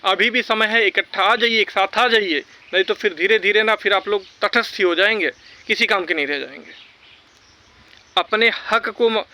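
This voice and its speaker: At normal speed, a man's high, bright voice carries a forceful tone. He's a vlogger on recruitment exam updates who speaks informally and with strong opinions directly to viewers, exhorting them and emphasizing things by repetition.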